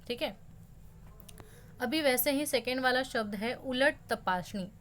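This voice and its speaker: A woman's voice: sits high, unhurried, fairly bright tone, a little hiss or hum. Patient woman teacher explaining a lesson. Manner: patient, explanatory, mixes in English words.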